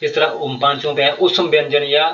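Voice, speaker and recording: Man teaching in a bright voice. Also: on the high side, fairly even intonation, brisk, echoey room, recorded from a distance, dull audio. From Himachal Pradesh, India. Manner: explains step by step, repeating terms with many fillers. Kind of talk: Hindi grammar lesson for exam prep.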